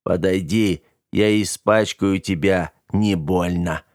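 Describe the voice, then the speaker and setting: A man voicing a slimy, gurgling mud villain who draws out his words and shouts. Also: low voice, fairly even intonation, no room sound, clean studio sound. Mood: menacing whiny. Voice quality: gurgling, drawn-out.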